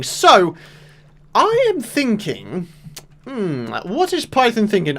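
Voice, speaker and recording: Lively young British gaming YouTuber. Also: male voice, sits high. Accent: British English. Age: 20s. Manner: chatty, self-mocking, excitable outbursts. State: morning voice. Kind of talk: casual let's-play commentary.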